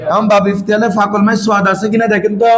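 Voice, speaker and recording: A man teaching a classroom lesson, asking his students question after question, calling them by a fond name, and slowly reciting verses. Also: high-pitched, level tone, a bit bright, poor audio. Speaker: Arabic grammar teacher.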